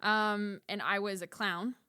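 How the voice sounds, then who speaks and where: A woman co-hosting a casual podcast, telling animated stories with lots of "like.". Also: medium pitch, unhurried, clear, resonant tone, no room sound, studio quality. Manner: animated storytelling full of "like". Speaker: podcast co-host, former haunted attraction actor.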